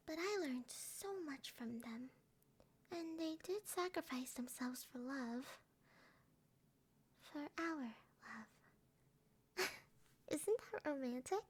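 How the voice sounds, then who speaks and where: Yandere lover played by a woman for ASMR role-play: high, unhurried, breathy delivery, cooing sweetly with eerie, sadistic obsession. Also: animated. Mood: proud, devoted.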